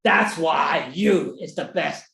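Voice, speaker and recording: A performer putting on a laid-back, slangy Cupid voice, drifting into quiet asides, recorded in an echoey room. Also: medium pitch, takes it slowly, creaky. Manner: drawls slangy lines, trails off into quiet asides. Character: smooth low-talking Cupid, laid-back love god.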